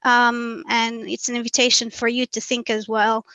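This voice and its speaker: A Romanian woman gives an academic webinar presentation in a bright, fairly high voice kept to a narrow, even tone. She sounds reflective and earnest, weighing each point at normal speed. The recording is dry and close, with no room sound.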